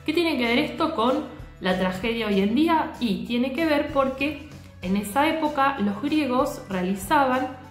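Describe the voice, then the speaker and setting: Woman teacher, fairly high voice, patient explaining tone, echoey room. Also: expressive, measured pace, soft background music. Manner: explanatory, often checks with students. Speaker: literature teacher. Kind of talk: recorded class lecture.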